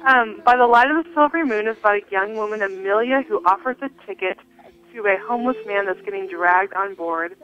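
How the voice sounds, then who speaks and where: A woman's voice: mid-range voice, fairly quick, fairly bright tone, soft background music. Woman author on a dull phone line. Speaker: author and guest. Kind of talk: phone-in interview.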